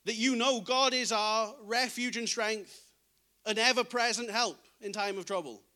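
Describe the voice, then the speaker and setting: A man's voice: sits high, steady tone, measured pace, sharp tone. A man preaching a sermon in an earnest, conversational way, acting out scripture dialogue as he goes.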